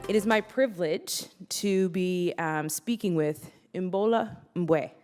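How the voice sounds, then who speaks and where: A woman hosting an author talk on stage, enthusiastic and quick to laugh. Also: on the low side, smooth, soft background music. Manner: enthusiastic, warm, laughing asides. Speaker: interviewer. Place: public library event hall. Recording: long reverb of a hall.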